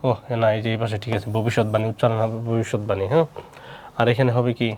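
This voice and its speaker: This exam-prep teacher speaks fast in a fairly low, darkish voice that barely shifts in pitch. He quizzes, supplies his own answers, and says each word two times.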